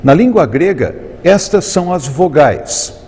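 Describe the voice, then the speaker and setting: A man with a Brazilian Portuguese accent teaching Greek in a recorded lesson, explaining terms slowly and carefully and drawing out each Greek word. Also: on the high side, sing-song, a little mellow, slightly rough. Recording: long reverb on the voice.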